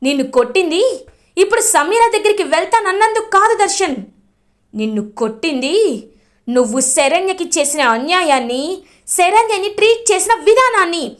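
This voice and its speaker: A woman's voice: high-pitched, lively intonation, moderate pace, long pauses. Woman voicing a stern, fierce mother. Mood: furious. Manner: scolding, sharp, emphatic. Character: stern, fierce middle-aged mother and aunt.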